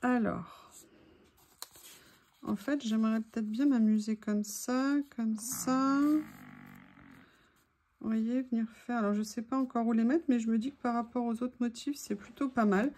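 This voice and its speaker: A woman's voice: on the high side, steady tone, unhurried, long pauses, darkish tone, a little hiss or hum. A woman chatting casually while making a collage at home, playful and teasing with asides to her dog. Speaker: craft vlogger.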